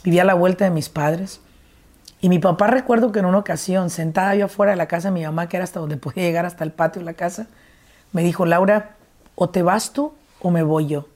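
A woman's voice: on the low side, fast talker, a little mellow. A woman from Mexico with a Mexican accent hosting an interview, earnest and reflective as she shares her own story. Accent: Mexican Spanish. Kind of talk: conversational interview and personal story.

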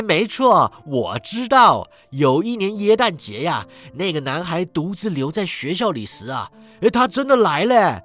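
A man voicing an old male miser who cries out in excitement with drawn-out exclamations, in a told story. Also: medium pitch. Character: old miser man, giddy with childhood memories. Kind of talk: storytelling narration.

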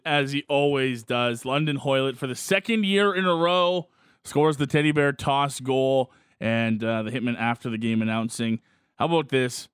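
A man's voice: mid-range voice, a bit bright, smooth, dry recording, studio quality. A man hosting a sports radio show.

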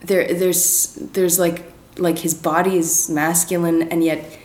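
A woman's voice: fairly low pitch, flat delivery, takes it slowly, a little mellow. A woman chatting casually about a film, often restarting her sentences as she searches for words. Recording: roomy with faint ambience.

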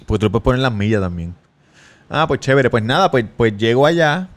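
A man in his thirties with a Puerto Rican accent tells a story in a relaxed, casual chat. His pitch swings widely as he acts out the conversations he describes, and he laughs often. His voice sits in the middle of the male range. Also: brisk. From Puerto Rico. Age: 30s. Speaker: podcast guest.

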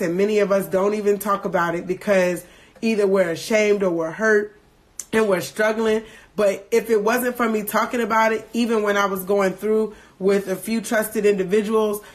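A woman leads a devotional livestream with a mid-range voice. She reads scripture in a slow, deliberate cadence, then talks in quick, animated asides. It sounds like a phone stream. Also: mid-range voice. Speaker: podcast host leading a devotional livestream. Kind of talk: scripture reading with devotional talk.

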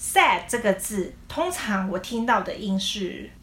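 Woman teacher, patient, mid-pitched voice, models English phrases slowly. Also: expressive, a bit bright. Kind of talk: explaining English pronunciation in a podcast lesson.

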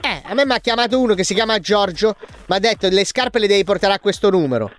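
A man's voice: sits high, expressive, quick pace, fairly bright tone, a little hiss or hum. A radio host putting on the voice of a brash, bullying man who phones to sell stolen sneakers, rude and threatening. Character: brash bullying male shoe-fence caller from near Naples. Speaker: prank caller.

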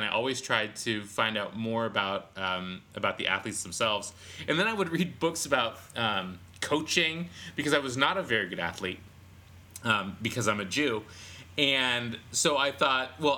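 Man, podcast co-host, casual chat, rambling self-deprecating storyteller, sharp bright voice. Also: mid-range voice.

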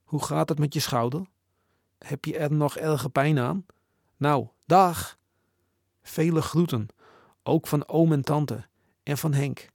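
A man's voice: on the high side, slow pace, vocal fry, darkish tone, dry recording, exaggerated voice. A man reading out a chatty, gushing letter from a young schoolgirl in a storybook, in close to his own voice.

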